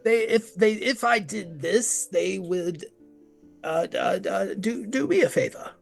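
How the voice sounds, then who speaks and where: A nervous fantasy monster hunter, acted by a man at a game table, with a gravelly creak in his voice. He stammers and hedges evasively, his pitch swinging widely, over faint music. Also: animated, exaggerated voice. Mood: flustered, insistent. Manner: stammering, halting, hedging.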